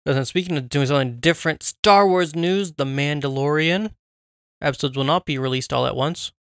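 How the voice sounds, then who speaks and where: A man's voice: a little high, brisk, clean tone, dry recording, studio quality. A man hosting a casual podcast chat and moving through entertainment news topics. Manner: relaxed, runs the topics. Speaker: podcast host.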